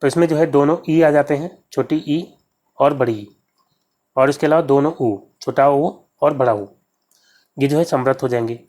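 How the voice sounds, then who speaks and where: A man's voice: on the high side, moderate pace, a little mellow. A man teaching exam-prep grammar, working through practice questions one by one and repeating key terms as he explains. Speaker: Hindi exam tutor.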